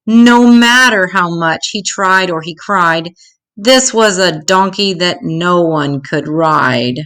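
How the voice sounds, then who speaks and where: An older woman storyteller reading a children's story aloud in an expressive, measured way. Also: on the low side.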